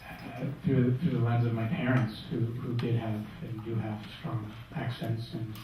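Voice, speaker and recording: A man from Russia answering on a literary panel in a bookstore, speaking thoughtfully with halting restarts. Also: medium pitch, completely flat delivery, noisy background. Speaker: panelist, writer. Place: bookstore event room. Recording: echoey room from far off.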